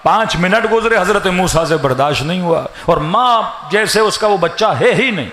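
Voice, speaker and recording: Man preaching in dramatic storytelling bursts. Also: lively intonation. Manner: dramatic storytelling, rising pitch and shouted emphasis. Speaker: religious scholar preaching at a mourning gathering. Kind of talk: Muharram majlis sermon.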